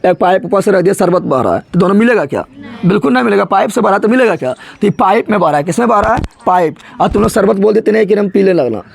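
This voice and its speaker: A man's voice: high voice, animated, fast, gravelly. A man teaching a biology lesson, asking the class question after question and answering them himself in colloquial, regional speech. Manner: drills students with repeated questions and answers.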